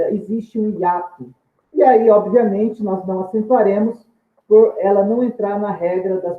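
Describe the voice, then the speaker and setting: A male teacher, giving a recorded grammar lesson in a methodical way, restating each term with synonyms and drawing out example words. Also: high-pitched. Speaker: Portuguese teacher. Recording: echoey room, tinny phone-like sound.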